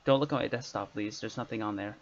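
A man's voice: lowish voice, fairly even intonation, fast, noisy background. A man streaming a survival game and chatting casually, often trailing off mid-sentence. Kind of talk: casual gameplay chat. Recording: dull lo-fi stream audio.

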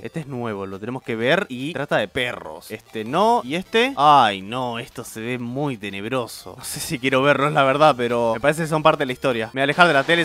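A man's voice: a little high, fairly bright tone. A young man with a Rioplatense Spanish accent commenting nervously on a horror game, yelping at the scares. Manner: jumpy, nervous, yelps at scares. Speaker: gameplay streamer.

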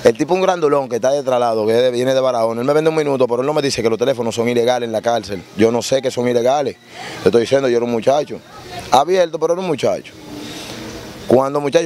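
A man's voice: mid-range voice, rapid-fire. A man, recounting his life on the street and in prison in a casual interview, acting out voices as he tells it. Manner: animated storyteller, acts out voices in his tales.

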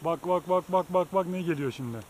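A man's voice: on the high side, brisk, a little mellow, slight background noise, rough recording. A man in his thirties chatting playfully with a child while hiking, recorded on a body-mounted action camera on a forest trail. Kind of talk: casual chat while hiking.

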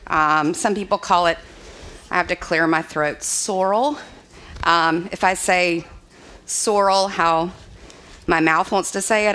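In an open screened dining hall, a young adult woman chef runs a live cooking demo, talking chattily and using lots of fillers. Her mid-range voice is smooth, pushed, and bright.

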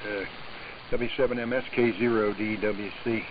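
A man's voice: lowish voice, steady tone. Man on a hissy mistuned ham radio. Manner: halting, easygoing talk with frequent pauses. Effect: heard over a mistuned, noisy AM ham radio. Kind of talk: casual on-air radio chat. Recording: hissy, muffled shortwave radio reception.

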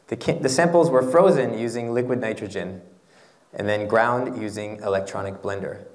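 Male lecturer, instructional and halting. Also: lowish voice. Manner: halting, instructional, checks with "okay" and "right". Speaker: lecturer on academic writing. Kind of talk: workshop lecture, explaining slides. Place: lecture hall in front of a seated audience. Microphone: handheld microphone.

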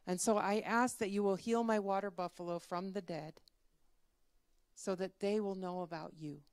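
A woman's voice: mid-range voice, fairly even intonation, moderate pace, a little mellow, clean tone, dry recording, natural voice. A woman voicing a humble village man who prays to Jesus in a children's story, in an earnest, simple storytelling way. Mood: prayerful.

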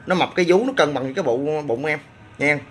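A man's voice: a little high, a little fast, a bit bright, a little hiss or hum. A man with a Southern Vietnamese accent, a gym owner chatting casually on a livestream and answering comments with boastful, crude banter.

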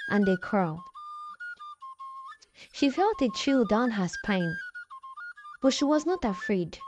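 A woman narrating a folktale in a dramatic storybook style, over background music. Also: a little high. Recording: music bed behind the voice.

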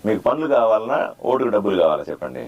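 A man, a doctor running for office, giving a repetitive, plain-spoken campaign speech that quizzes the crowd and demands loud answers. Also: lowish voice, sing-song, racing, phone-quality sound. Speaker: political candidate and doctor. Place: outdoor neighborhood gathering.

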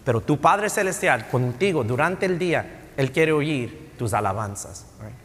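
An expressive, unhurried middle-aged man preaches as a pastor, his medium-pitched voice fairly bright as he shifts between Spanish and English and adds frequent tag questions. The church sanctuary setting lends the recording a long reverb.

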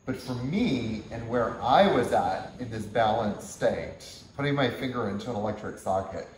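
A man giving a workshop-style yoga lecture in a gentle, unhurried way, with frequent chuckles. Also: mid-range voice, animated, far from the mic, slight background noise. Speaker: yoga teacher. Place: teaching hall at a yoga retreat center. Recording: echoey room.

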